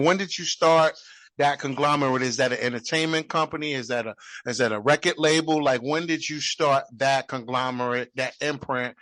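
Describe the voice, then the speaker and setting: A man hosting a casual podcast interview, upbeat and quick with short affirmations. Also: medium pitch, bright, forceful tone, no echo. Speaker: podcast host.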